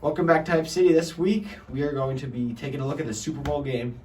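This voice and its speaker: A man's voice: fairly high pitch, quick pace, darkish tone, far from the mic. Teenage boy, student news anchor, casual upbeat delivery, faint background noise. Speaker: show anchor.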